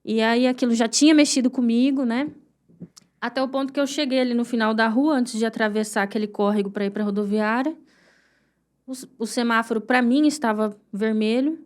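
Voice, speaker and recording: Young Brazilian woman, fairly high voice, heartfelt testimony, halting and repeating herself. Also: steady tone. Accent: Brazilian Portuguese. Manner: earnest, halting storytelling with pauses and repetitions; vivid, heartfelt retelling of painful memories. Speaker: guest sharing her testimony. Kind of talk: emotional personal testimony.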